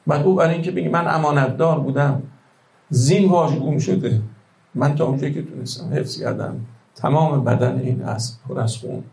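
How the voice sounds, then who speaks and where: Gravelly-voiced man preaching a sermon. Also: a little high, roomy sound, rough recording. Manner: impassioned, rhetorical, swings between hushed and loud. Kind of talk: religious sermon.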